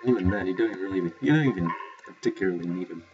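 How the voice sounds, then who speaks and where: A man giving casual let's play commentary, chatty and self-mocking, reacting loudly to what happens in the game. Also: low-pitched, very fast. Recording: lo-fi capture with game music.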